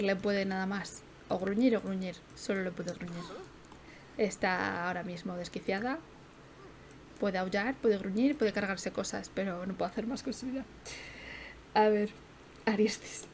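A young woman chats through a life-sim stream with a mid-pitched voice. She sounds a little worn out, laughs easily and swears in casual asides. A faint background noise runs beneath her. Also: vocal fry, darkish tone. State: tired. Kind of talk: casual gameplay commentary.

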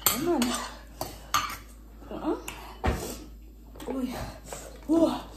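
High-voiced young Jamaican woman, mouth burning. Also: expressive, extremely slow. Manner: mouth burning from spicy food, sighing and groaning. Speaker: vlogger. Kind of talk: casual chat while eating. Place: home kitchen-dining room, indoors. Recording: roomy echo, clear noise, cutlery clinks.

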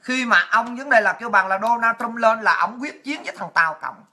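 Fiery, very sharp-voiced woman. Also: fairly high pitch, fairly quick, slight background noise. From Vietnam. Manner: blunt, crude, fiery, swears a lot. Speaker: political commentator. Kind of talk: impassioned political rant to viewers.

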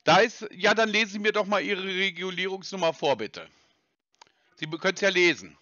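A man's voice: high voice, moderate pace, bright, forceful tone, no room sound. A man on a prank phone call, taunting and insulting a scam caller with repeated jibes, laughing at him.

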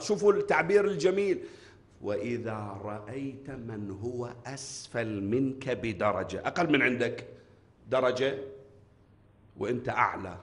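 A man preaching a Muharram sermon with an Iraqi accent, who swings from loud emphatic rises to soft low murmurs and calls his listeners dear ones. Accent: Iraqi Arabic. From Iraq. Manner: addresses the audience warmly as dear ones. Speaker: Shia preacher. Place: mourning gathering hall.

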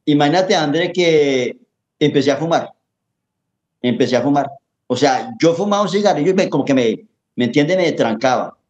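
A man's voice: fairly high pitch, expressive, moderate pace, darkish tone. Colombian man, middle-aged, earnest and preachy, interview guest, slightly dull audio. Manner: earnest, preachy, calls the host papi and hermano. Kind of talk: emotional testimony in casual chat.

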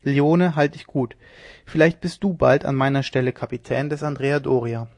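A man's voice: medium pitch, fairly even intonation, normal speed, a little mellow, no echo, lightly acted. A man reading an audiobook, voicing a troubled sea captain who speaks in an earnest, pleading, uneasy way.

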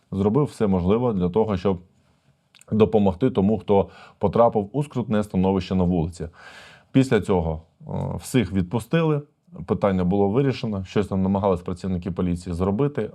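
A man's voice: deep voice, warm tone. A man, a lawyer, commenting on a video for viewers, emphatic and full of rhetorical questions.

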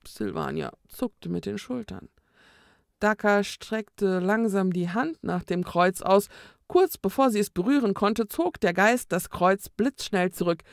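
Brief: woman reading a children's story, slow and gravelly, close dry mic. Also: medium pitch, dry recording. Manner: calm, measured storytelling. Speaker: storybook reader. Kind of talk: reading a children's book aloud.

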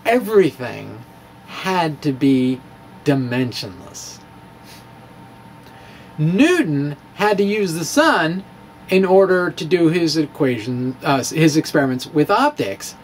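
Seated close to a stand-mounted, handheld-style microphone, a middle-aged physics blogger dramatically reads his blog with informal asides. His higher-leaning voice is slow with lively intonation. The small indoor room has bookshelves and clear background noise.

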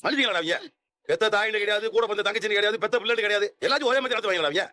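A man's voice: mid-range voice, lively intonation, very fast, dry recording, lightly acted. An actor playing an earnest family man, heated and indignant, in a TV serial. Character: earnest family man upset over in-laws. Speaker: husband and family elder. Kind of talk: TV serial acting.

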